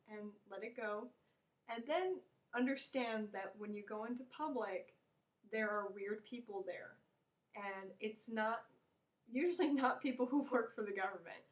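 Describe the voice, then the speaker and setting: A mid-pitched American woman speaks in a casual, opinionated vlog rant. Her talk is blunt and meandering, with restarts and asides. The recording is quiet and low in level. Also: rough recording. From United States. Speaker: vlogger. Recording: low-volume home recording.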